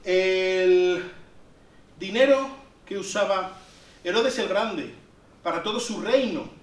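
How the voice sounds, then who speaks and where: A pastor from Spain, speaking with a Spanish accent, preaches a sermon in a church hall in a high-sitting voice at a slow pace. His delivery is conversational but climbs to emphatic peaks, and the sound is echoey and distant.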